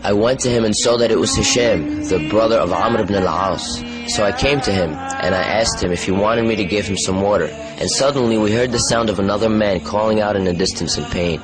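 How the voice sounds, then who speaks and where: An Islamic preacher delivers an earnest, exhortative sermon, blending stories with direct appeals to listeners. His voice is on the low side, brisk with few pauses, and the rough recording places him over background music.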